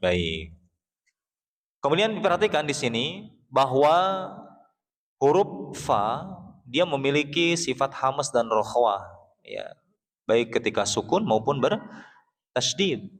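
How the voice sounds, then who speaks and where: A man from West Java with a Sundanese accent, teaching Quran recitation in a mosque. He patiently explains how the letters sound, then chants verses slowly for the class to repeat, and often clears his throat. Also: mid-range voice, big pitch swings. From Sundanese region of West Java, Indonesia. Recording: long reverb of a mosque hall.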